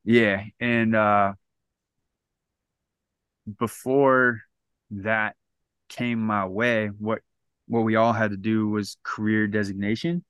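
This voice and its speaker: A man's voice: fairly low pitch, little pitch movement, slow pace, pauses often, fairly bright tone, smooth, no room sound. A man in his thirties, a podcast guest, telling his story in a casual, rambling way with lots of restarts. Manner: rambling, many restarts and "like" fillers.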